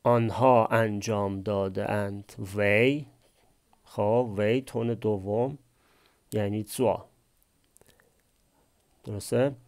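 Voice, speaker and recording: A man's voice: on the low side, steady tone, long pauses. A man teaching a language class, explaining a text phrase by phrase and posing questions he then answers himself. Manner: asks and answers his own questions.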